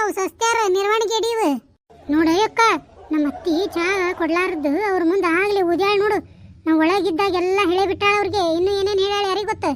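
A woman voicing bickering, gossipy village women in a cartoon, with a North Karnataka Kannada accent and quick, scolding banter. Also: very high-pitched, fairly bright tone. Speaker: voice of a cartoon series.

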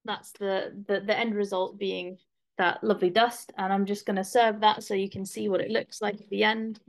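A woman's voice: mid-range voice, flat delivery, normal speed, creaky. A woman giving a chatty, informal craft demonstration in a live webinar, on a home video call. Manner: chatty, informal, with fillers and restarts. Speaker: craft presenter.

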